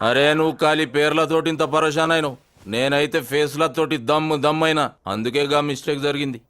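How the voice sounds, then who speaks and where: Guy doing a brash telangana-accent brother, rough mouthed, rattles it off fast. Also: a little high, fairly even intonation, close to an everyday voice. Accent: Telangana Telugu. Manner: brash, blustering, rough-talking. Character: brash rough-talking man, bride's brother, easily provoked. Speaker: bride's brother. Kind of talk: film comedy acting. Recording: film soundtrack with music behind.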